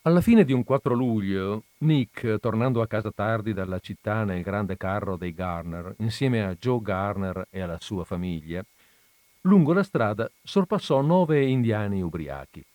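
A man's voice: on the low side, expressive, measured pace, darkish tone, no echo. A man reading a short story aloud, with chatty asides before he starts the reading. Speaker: reader of short stories. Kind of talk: reading literary fiction aloud.

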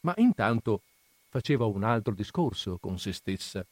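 Animated man reading a classic novel. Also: fairly low pitch, moderate pace, no echo. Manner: dramatic, animated storytelling. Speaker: reader.

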